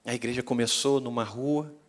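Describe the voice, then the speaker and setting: A male pastor with a Brazilian Portuguese accent tells a story in a sermon, animated and acting out the dialogue. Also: medium pitch, normal speed.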